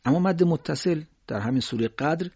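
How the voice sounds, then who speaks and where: A man gives a recitation lesson in a husky, mid-pitched voice, moving between calm explanation and slow, drawn-out chanted examples. The recording is dry and somewhat muffled, with no room around it. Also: no room sound. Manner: explains calmly, then slowly chants drawn-out Quranic examples. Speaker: Quran recitation teacher.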